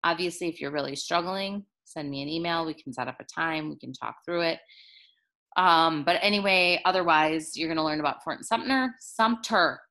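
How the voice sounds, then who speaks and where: Low gravelly teacher lady rambling thru a video lesson, bright edge, lots of um and like. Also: fairly quick. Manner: chatty, rambling, many fillers and restarts. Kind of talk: recorded classroom video lesson. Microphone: handheld recording device, jostled.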